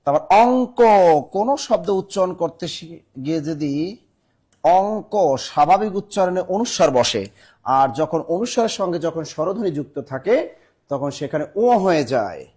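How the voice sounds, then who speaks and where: A man with a Bangladeshi Bengali accent teaching a live online spelling class, spelling words out letter by letter and urging students to answer fast. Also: a little high, sing-song, darkish tone, breathy edge.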